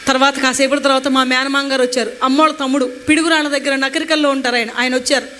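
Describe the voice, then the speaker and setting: Fast, high-voiced woman giving testimony. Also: a little hiss or hum. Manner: emotional, animated retelling with acted quotes. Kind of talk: personal testimony storytelling.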